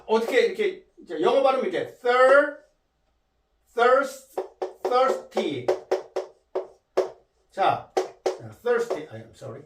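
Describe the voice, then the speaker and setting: High, lively male teacher in a roomy space. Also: recorded from a distance, over music. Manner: explains slowly, drills pronunciation by repeating words. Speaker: English teacher. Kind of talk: online lecture on Bible verses in English.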